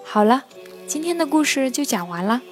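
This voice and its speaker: Woman storyteller, bedtime narration, fairly high voice, soft and expressive, faint music behind. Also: moderate pace. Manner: soft, expressive, often hushed. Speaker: children's storyteller.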